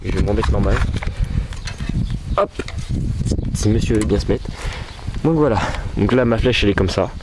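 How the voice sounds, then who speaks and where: Low-voiced man, hesitant casual demo. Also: normal speed, pauses often. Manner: hesitant, many fillers, talks to camera. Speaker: archery vlogger. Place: outdoors at home. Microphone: camcorder mic. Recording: camcorder recording with background noise.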